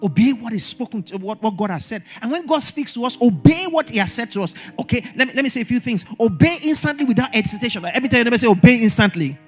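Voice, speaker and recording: A man delivering an animated church sermon in a very high voice that swings widely up and down. He drives his points home by repeating short exhortations and acting out little dialogues. Faint music sits under him. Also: fast talker, hardly any pauses. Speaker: pastor. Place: church service.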